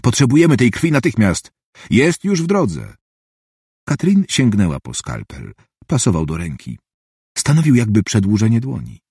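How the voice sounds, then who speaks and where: Low, husky male audiobook narrator. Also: mellow, no echo, studio quality.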